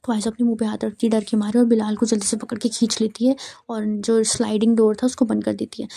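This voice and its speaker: A woman casually recapping a story in a chatty way. Her voice sits somewhat high with a gravelly grain. It has a dark, mellow tone. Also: little pitch movement, quick pace. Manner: chatty, linking with "then".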